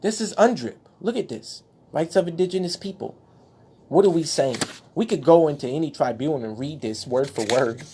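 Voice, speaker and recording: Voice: medium pitch, expressive, normal speed, mellow, slight background noise. A speaker giving an impassioned, preachy monologue while showing documents, winded at times. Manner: preachy, emphatic, exclaims at times. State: out of breath. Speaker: speaker addressing followers.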